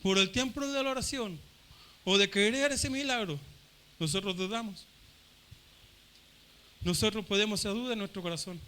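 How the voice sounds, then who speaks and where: A man's voice: high-pitched, normal speed, pauses often, a little hiss or hum. A man from Chile preaching a fervent Pentecostal sermon, repeating his phrases for emphasis. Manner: fervent, repeats phrases, acts out shouting crowd voices.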